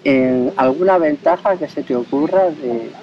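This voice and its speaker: A man's voice: fairly high pitch, a little slow. A man from Spain conducting a street interview outdoors, asking leading questions and explaining his points at length. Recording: dull audio with faint street noise.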